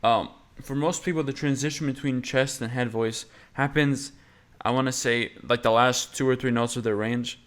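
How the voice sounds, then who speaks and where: A man's voice: mid-range voice, steady tone, moderate pace. Casual rambling male voice coach. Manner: casual, rambling, frequent fillers. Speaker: voice teacher reacting to a video. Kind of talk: casual commentary.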